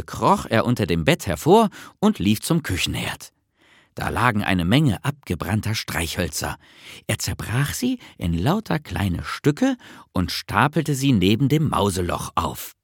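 Slow, animated storybook narrator. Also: mid-range voice, breathy edge, dry recording, studio quality. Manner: expressive, unhurried storytelling. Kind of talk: storybook reading aloud.

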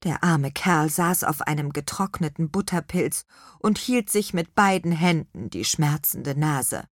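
A woman narrates a children's storybook slowly, with a lively, expressive melody. Her voice sits a little low. The recording is close and dry. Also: dry recording. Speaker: audiobook narrator.

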